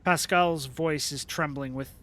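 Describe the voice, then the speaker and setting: Young male streamer; casual read-aloud of game text, slightly high pitch. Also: fairly even intonation, measured pace, fairly bright tone. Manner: casual, joking asides between narration.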